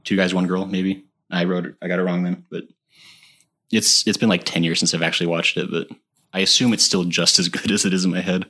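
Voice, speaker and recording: A man co-hosting a podcast, chatting casually and enthusiastically, laughing often and filling pauses with "like" and "uh". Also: deep voice, flat delivery, pushed and bright, breathy edge. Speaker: podcast co-host. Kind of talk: casual chat.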